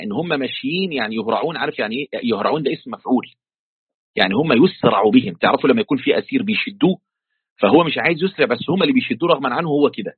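A man's voice: medium pitch, husky, no room sound. A man with an Egyptian accent who teaches a religious text online. He explains it in everyday colloquial speech, with examples from daily life. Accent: Egyptian Arabic. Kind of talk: online tafsir lesson. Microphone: computer call mic. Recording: tinny online call audio.

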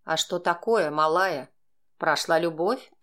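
A woman voicing a brash, mocking young male student who taunts and insinuates in a lowered voice. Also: moderate pace, natural voice.

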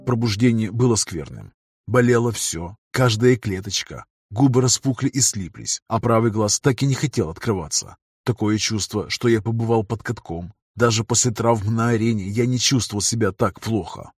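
A man narrating a first-person audiobook in an even, measured reading. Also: lowish voice, husky, no room sound, studio quality.

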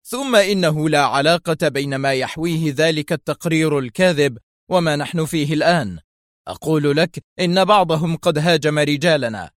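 A man reading a story aloud, voicing an angry, agitated male intelligence officer who keeps snapping and shouting. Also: fairly high pitch, fast talker, dry recording, clean studio sound, lightly acted. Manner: sharp, agitated outbursts.

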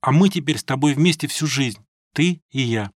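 A man's voice: mid-range voice, normal speed, no echo, clean studio sound, natural voice. A man as an earnest, puzzled young man.

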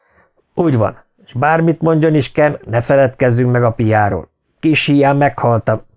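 A man's voice: medium pitch, lightly acted. A man reading the lines of a cocky, brutal middle-aged hunter who mocks and threatens. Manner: mocking, crude.

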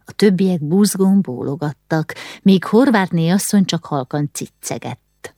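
A woman reading a novel aloud as an audiobook narrator, with expressive storytelling. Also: lowish voice, dry recording, clean studio sound. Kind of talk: scripted narration.

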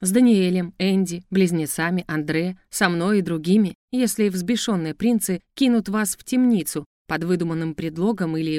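A woman's voice: lowish voice, darkish tone, no echo, studio quality, close to an everyday voice. A woman voicing a heated, insistent male steward in an audiobook. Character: anxious, insistent male slave manager.

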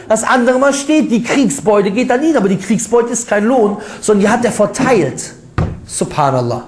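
A man's voice: high-pitched, roomy sound. A man giving an informal religious lecture as an Islamic preacher, talking colloquially and emphatically, with rhetorical questions and mocking asides.

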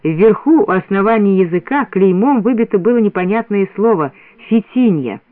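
High-voiced man reading a story. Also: a little fast, dry recording. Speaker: narrator. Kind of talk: scripted narration, radio reading. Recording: dry, narrow radio sound.

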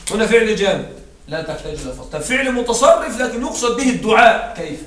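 High-voiced man teaching grammar, echoey room. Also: very animated, fairly bright tone. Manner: checks understanding with frequent "right?"; recites Quranic verses slowly and drawn out. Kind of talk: classroom grammar lesson. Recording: echoey room, distant mic, faint hiss.

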